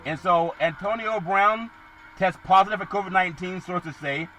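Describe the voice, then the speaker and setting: A middle-aged man hosting a sports podcast, animated, repeating catchphrases and swinging between loud and quiet. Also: high-pitched, normal speed, faint music behind, poor audio. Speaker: podcast host. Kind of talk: sports talk monologue.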